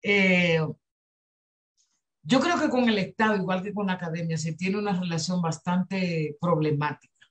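A woman's voice: fairly low pitch, moderate pace. A middle-aged woman with a Caribbean Spanish accent answering in an unscripted discussion on a video call, reflective and emphatic, often adding short tag questions. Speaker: invited speaker at a webinar. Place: indoor room on a video call.

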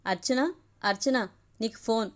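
A woman voicing a blunt office telephone operator in an audio story, speaking briskly. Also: a little high, lightly acted. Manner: brisk, calls out loudly.

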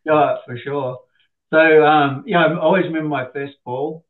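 A man's voice: on the high side, moderate pace. A middle-aged man, an interview guest and business owner, telling funny self-deprecating stories in a chatty, casual way. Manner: chatty, self-deprecating, animated quoting of others. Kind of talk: casual anecdotal storytelling. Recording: tinny phone-like line.

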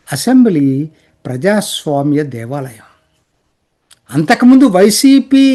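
A man delivering an emphatic, indignant political commentary monologue, firing off rhetorical questions and addressing listeners politely. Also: high-pitched.

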